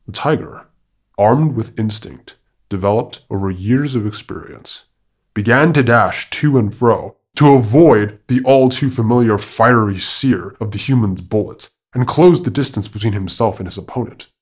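A man with a low voice tells a forest fable for a podcast in scripted narration. His delivery is deliberate and formal, lingering over the phrases. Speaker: podcast storyteller.

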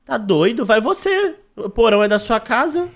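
Young brazilian dude playing a horror game, jumpy, keeps exclaiming, high lively voice. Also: male voice, moderate pace. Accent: Brazilian Portuguese. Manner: jumpy, exclaiming, talks to chat. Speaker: gaming channel host. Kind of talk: horror game let's play commentary.

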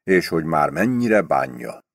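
A man reading a novel aloud as an audiobook in a steady, expressive way. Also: extremely low pitch, creaky, dry recording, clean studio sound. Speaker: audiobook reader. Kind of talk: audiobook narration.

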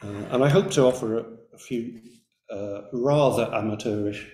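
A man's voice: medium pitch, normal speed, darkish tone, reverberant. A man giving an academic lecture, reading carefully from a script with brief hesitations. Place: lecture room.

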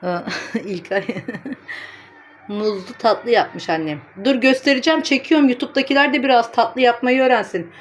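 A woman's voice: a little high, normal speed, soft background music. A woman vlogging casually to her phone camera, chatty, blunt and teasing, with a way of talking.

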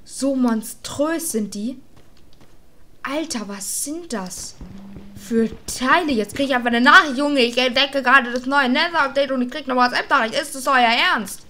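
A fairly high-pitched woman commentates her gameplay in a casual, slangy way. She is excitable and quick to exclaim, and she chats with her viewers and with the creatures in the game. A faint noise sits under her voice. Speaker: gaming YouTuber.

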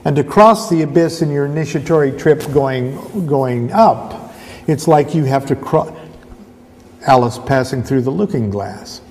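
Slow, dark-voiced man lecturing. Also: fairly high pitch, animated, big-room sound. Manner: halting, repetitive, with restarts. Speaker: esoteric lecturer. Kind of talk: rambling spoken lecture.

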